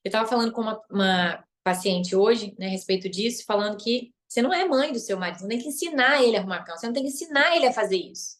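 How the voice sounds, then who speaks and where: A woman's voice: on the high side, animated, very fast, few pauses, slight background noise. A woman with a Brazilian Portuguese accent, a relationship coach and therapist, teaching a live online masterclass. She is emphatic, repeats key phrases and tacks on tag questions.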